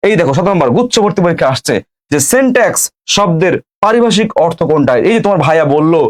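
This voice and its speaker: A man's voice: high voice, animated, fast talker. A young man teaching a live online grammar class, repeating each question and answer as he quizzes students.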